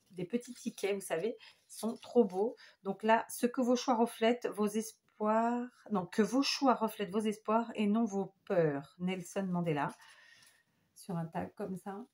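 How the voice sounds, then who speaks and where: A woman's voice: mid-range voice, unhurried, a little mellow. A woman chatting casually to camera as she shows off handmade papercraft gifts, gushing with enthusiasm. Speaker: craft vlogger. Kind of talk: casual show-and-tell chat.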